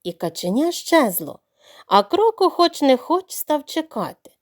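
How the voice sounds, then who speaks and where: A woman narrates a children's audio fairy tale, reading expressively as a storyteller. Her voice is high and swings widely in pitch. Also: very animated, measured pace.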